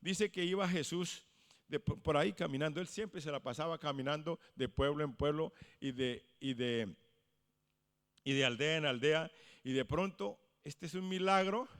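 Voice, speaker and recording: A male pastor preaching a sermon, swinging from hushed lines to loud exclamations. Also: fairly high pitch, moderate pace, big-room sound. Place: church.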